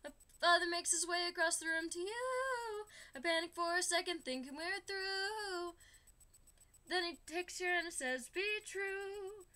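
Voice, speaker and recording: A woman's voice: very high-pitched, a little slow, full character voice. A woman singing along as a tender, lovestruck young bride. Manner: soft sung melody.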